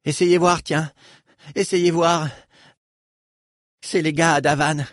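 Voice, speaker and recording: A man's voice: on the high side, level tone, slow, no echo, studio quality, pitched above the performer's own voice. A man voicing a cheeky, greedy street boy in an audiobook, slangy and whining when cornered. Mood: cocky. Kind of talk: audiobook character voice.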